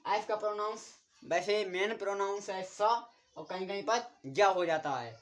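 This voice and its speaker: A man from India teaching an online English class, steadily explaining letter sounds, spelling words out slowly and repeating each sound as a drill. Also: sits high. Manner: repeats and drills sounds, keeps pointing to the board.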